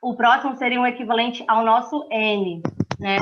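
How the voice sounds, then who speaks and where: A woman's voice: on the high side, steady tone, normal speed, highs cut off, background noise. A young woman with a Brazilian Portuguese accent giving a class presentation, explaining sounds patiently and repeating each one for listeners. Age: young adult. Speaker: student presenter.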